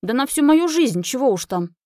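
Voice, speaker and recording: A woman voicing an agitated young man confronting his parents in a loud, accusing manner, in a read-aloud story. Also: mid-range voice, moderate pace, no room sound, studio quality, natural voice. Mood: shouting angrily. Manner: heated, accusing, often shouting.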